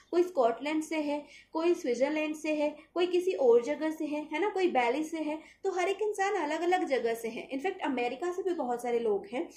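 A woman teacher talks through a literary essay in a high voice, conversational and full of rhetorical questions. Her voice rings in an echoey room, with faint background noise. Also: darkish tone. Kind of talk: explaining a text in a lesson.

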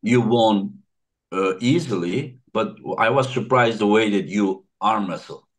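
A man with a fairly low voice hosts a relaxed video-call interview. He is chatty and keeps dropping quick repeated affirmations as his guests talk. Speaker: podcast host.

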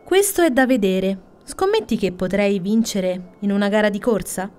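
A woman's voice: medium pitch, lively intonation, normal speed, darkish tone, close to an everyday voice. A woman voicing a proud, touchy old male hedgehog who answers in a huffy, indignant way in a bedtime story.

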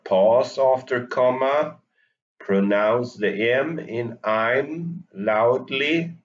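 A male English teacher giving an online lesson to young learners, speaking slowly and deliberately and modeling pronunciation for them to repeat. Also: mid-range voice, highs cut off, slight background noise.

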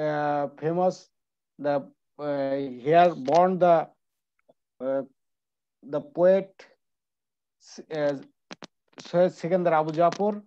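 A student practicing spoken English hesitantly, with many pauses and fillers. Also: medium pitch, steady tone, warm tone, smooth, lo-fi sound. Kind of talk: speaking practice.

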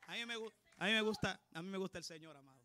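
A man preaching a sermon with fervor, building up to shouting. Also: high voice, racing, a little hiss or hum.

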